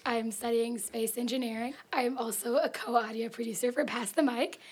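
A young woman in her twenties, sick and hoarse, introducing herself on a student podcast and joking about her voice. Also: fairly high pitch, steady tone, moderate pace. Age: 20s. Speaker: student co-audio producer.

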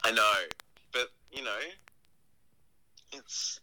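A man's voice: medium pitch, fairly even intonation, drawn-out words, bright, forceful tone, a little hiss or hum, low-quality recording. A young adult man chatting casually and teasingly as a guest friend, heard through a phone on speaker. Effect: heard over a phone on speaker. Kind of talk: casual chat.

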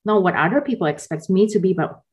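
A woman in her forties who grew up in Indonesia, a guest on a podcast. She tells her story softly and haltingly, with small laughs between phrases, at a middling pitch. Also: animated. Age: 40s. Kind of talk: personal story in a podcast interview.

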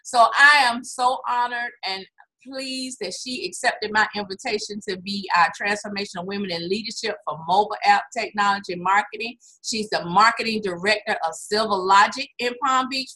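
A woman's voice: fairly high pitch, sharp tone, rough recording. A woman hosting an online interview, talking enthusiastically and with emphasis. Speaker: host.

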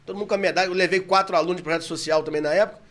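A man with a Brazilian Portuguese accent telling his story in a casual, animated chat, often laughing as he talks. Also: very fast. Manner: animated, laughing, gets louder and higher when excited.

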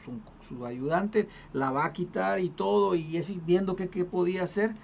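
A co-host retelling a Bible story in a casual faith discussion, animated and full of restarts, acting out the people in it. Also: mid-range voice, moderate pace, gravelly, a little hiss or hum. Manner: acts out quoted voices.

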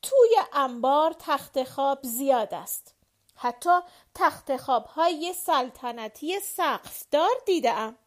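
A woman voicing a quarrelsome, indignant male servant who shouts in exasperation in an audiobook. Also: sits high, expressive, voice pushed up. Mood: indignant shouting. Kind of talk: audiobook character voice.

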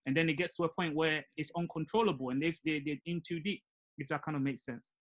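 A man's voice: fairly high pitch, fairly even intonation, fast, a bit bright. A man explaining his view earnestly in a casual panel discussion, often with rhetorical questions.

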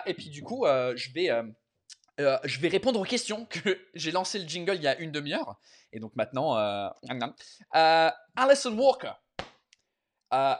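A man hosting a casual live stream in halting, word-searching French, often slipping into English as he reads out and answers viewer messages. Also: on the high side. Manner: switches between French and English mid-speech.

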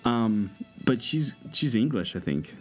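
A man's voice: medium pitch, expressive, unhurried, soft background music. A man co-hosting a podcast, chatting casually and enthusiastically about movies, rambling and teasing. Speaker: podcast co-host.

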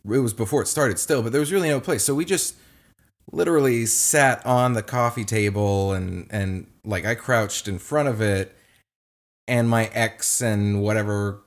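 A young man co-hosting a casual chat, telling a story with lively acted-out quotes. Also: normal speed. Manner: animated storyteller, acts out quotes in a high voice. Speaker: podcast co-host.

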